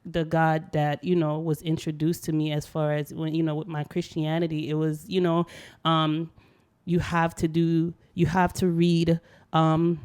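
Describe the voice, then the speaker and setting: Woman, hesitant and low. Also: level tone, unhurried, darkish tone, smooth. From Haiti. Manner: hesitant, many ums. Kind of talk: casual podcast chat.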